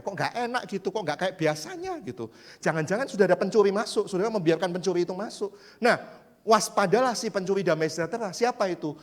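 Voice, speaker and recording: A male pastor delivers a youth sermon with a high voice that carries through a large church hall. The long reverb trails after his words. He is animated and joking, and he mimics voices as he preaches. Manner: lively, joking, acts out quoted voices.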